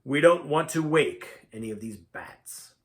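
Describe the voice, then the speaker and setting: A man voicing a fussy old male wizard who talks softly and mutters. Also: fairly high pitch, expressive, unhurried. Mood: hushed.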